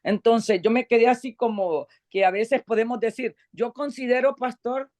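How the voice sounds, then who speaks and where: A woman's voice: fairly high pitch, steady tone, moderate pace, a little mellow. A woman on a video call asking a question in class, hesitant and full of fillers. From United States. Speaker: student.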